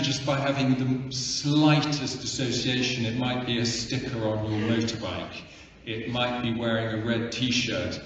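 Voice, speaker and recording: Filmmaker from Uganda, earnest panel speaker, distant mic in a reverberant hall. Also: male voice, mid-range voice, a little hiss or hum. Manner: earnest, measured, repeats words for emphasis. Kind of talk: panel discussion answers. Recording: distant mic, echoey hall, dull sound.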